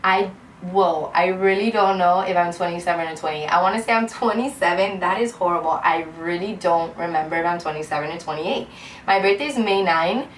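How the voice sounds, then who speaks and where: A Cuban beauty vlogger in her twenties chats candidly to her camera from a room at home, rambling and heartfelt. Her lowish voice is fairly quick and far from the mic, with roomy echo and a faint hiss.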